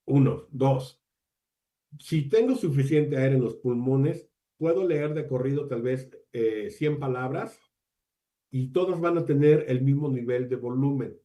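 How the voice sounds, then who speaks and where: A man presenting an online training talk for teachers, measured and addressing the audience directly with questions. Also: mid-range voice, mellow. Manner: measured, uses deliberate pauses, asks the audience questions.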